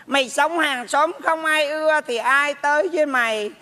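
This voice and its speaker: A man voicing a nagging old mother's ghost in a stage comedy sketch, scolding slowly. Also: very high voice, sharp tone. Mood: lecturing. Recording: stage hall with long reverb.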